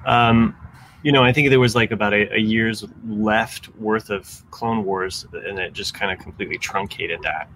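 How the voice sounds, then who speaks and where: A man's voice: on the low side, steady tone, moderate pace, a bit bright, a little hiss or hum. A man co-hosting a podcast in casual chat, rambling along with many restarts. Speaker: podcast co-host.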